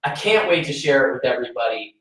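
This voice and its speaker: A man's voice: mid-range voice, animated, fast, fairly bright tone. A man chatting casually as a podcast co-host, telling a story earnestly and often restarting his sentences. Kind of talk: casual chat. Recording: very echoey room, voice far from mic.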